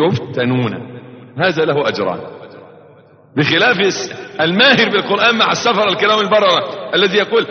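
A man with an Egyptian Arabic accent giving a religious lesson, swinging between loud exhortation and quiet quotation and chanting verses. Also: a little high. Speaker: preacher. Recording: echoey hall, dull lo-fi tape.

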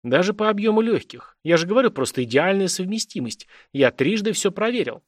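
A man's voice: high voice, lively intonation, a little fast, no echo, clean studio sound, pitched above the performer's own voice. A man voicing a sardonic, worried male doctor who probes with questions, read as an audiobook character. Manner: sardonic, probing.

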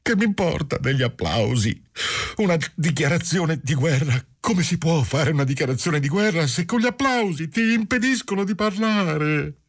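A man's voice: mid-range voice, huge pitch swings, extremely slow, bright, forceful tone, breathy edge, voice pushed up, heavily acted. A man voicing a deranged man who calls himself a Major, wailing in frantic, tormented outbursts.

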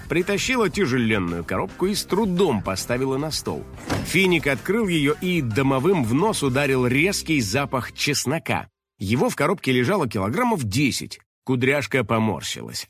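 A man reading a children's story aloud in an expressive, animated way. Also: medium pitch. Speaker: narrator.

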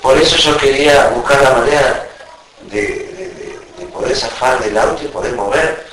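A man with an Argentine Rioplatense accent, a witness telling his own story in a tense, halting way and using street slang. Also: medium pitch, a bit bright. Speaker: witness being interviewed. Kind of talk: telling a personal account. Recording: echoey, distant from the mic.

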